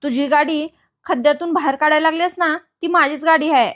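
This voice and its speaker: A woman's voice: high-pitched, steady tone, fairly quick, a bit bright. A woman voicing a scheming young man in a retold serial, pushy and insistent. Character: scheming young man, a factory owner's brother.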